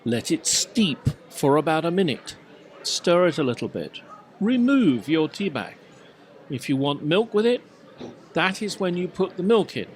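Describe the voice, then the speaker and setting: A middle-aged Englishman hosts a podcast, his slightly high voice very animated and a little slow. He chats casually in an emphatic, mock-pompous style, trading anecdotes and mock-instructional banter.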